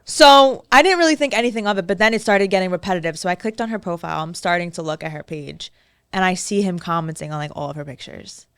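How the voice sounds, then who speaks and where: A woman's voice: fairly low pitch, fast talker, fairly bright tone, smooth, no echo, studio quality. A woman in her twenties from New York, co-hosting a podcast and telling a story in casual chat. She acts out what others said in changed voices. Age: 20s. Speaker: podcast co-host.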